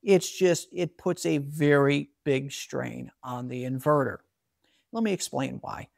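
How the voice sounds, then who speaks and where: A man in his forties hosts a solar equipment channel, explaining his setup to camera from an indoor garage workshop in a casual explainer. His slightly high, creaky voice keeps a measured pace, plainspoken and practical with frequent fillers and restarts. The sound is clean studio audio with no room sound.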